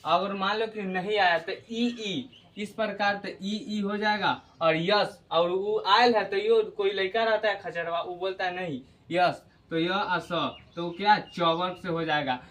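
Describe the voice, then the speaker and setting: A man's voice: high-pitched, fairly even intonation, measured pace, a bit bright. A man teaches a grammar lesson, repeating key words and explaining with everyday memory tricks.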